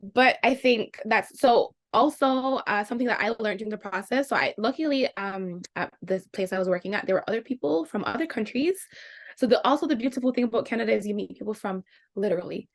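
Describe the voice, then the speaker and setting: Gravelly-voiced Jamaican woman telling stories. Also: fairly quick. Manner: animated storyteller, jumps into high pitch for quoted reactions. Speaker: guest. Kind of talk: casual interview.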